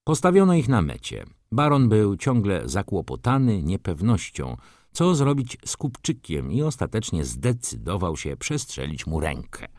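A man narrating a classic novel as an audiobook, in an expressive, dramatic storytelling manner. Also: low-pitched, normal speed, no echo, clean studio sound.

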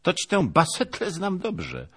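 A man voicing a chubby, excitable young male servant in an audiobook. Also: high-pitched, takes it slowly, slightly rough, voice pushed up, exaggerated voice. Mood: frantic. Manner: excited, exclaiming.

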